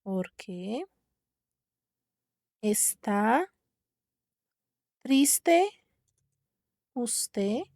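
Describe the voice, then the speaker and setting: Slow, gravelly-voiced Brazilian teacher. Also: female voice, fairly high pitch, big pitch swings, darkish tone, no room sound, studio quality. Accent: Brazilian Portuguese. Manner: patient, repeats words slowly, checks with "tá?". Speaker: Spanish teacher. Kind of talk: online language lesson.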